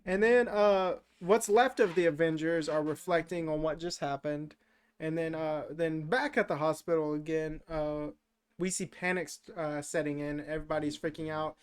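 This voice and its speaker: Smooth-voiced man rambling through a movie recap. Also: fairly high pitch, fairly even intonation, moderate pace. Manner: rambling, filler-heavy, profane, jokey. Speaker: podcast co-host. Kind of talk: casual movie recap chat.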